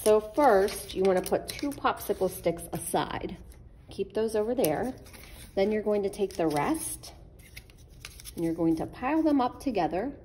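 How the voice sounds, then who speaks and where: This mid-range, mellow female voice carries a slight hiss or hum. Indoors at a wooden table, she guides children through a craft in plain, patient steps, much as a children's librarian might.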